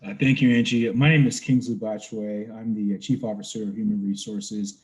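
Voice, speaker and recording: Man from South Carolina, lowish mellow voice, easy conversational panelist. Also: little pitch movement, a little fast, low-quality recording. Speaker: school equity officer. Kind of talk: panel introduction.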